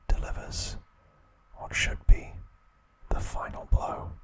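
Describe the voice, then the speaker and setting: An ASMR host narrates in a hushed, deliberate whisper, breaking his sentences into short phrases.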